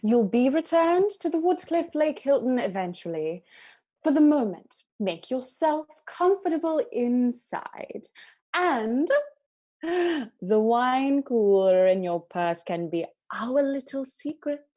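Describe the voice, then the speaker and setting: A woman's voice: sits high, lively intonation, slow pace, warm tone, heavily acted. A woman playing a polite, formal island housekeeper who hesitates with many ums.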